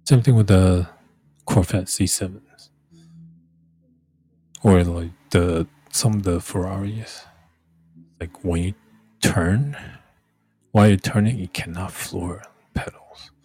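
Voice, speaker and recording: A man chats casually as a livestream host, rambling in a halting way and repeating words and phrases. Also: low-pitched, fairly even intonation, warm tone, husky.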